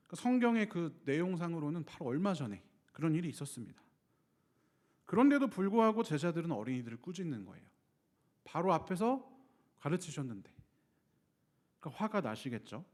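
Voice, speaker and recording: A male pastor preaching a sermon in an animated way, acting out the voices he quotes. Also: on the high side.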